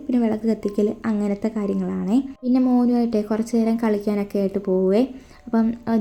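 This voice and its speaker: Mellow and mid-range, this voice belongs to a young woman from Kerala, India, who stays home with her kids. She chats easily about her everyday routine, warm and homely, often tossing in friendly little tag words.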